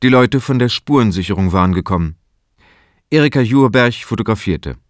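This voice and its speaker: A man narrating a crime audiobook in a calm, even storytelling manner. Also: lowish voice, fairly quick, dry recording, clean studio sound. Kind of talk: scripted narration.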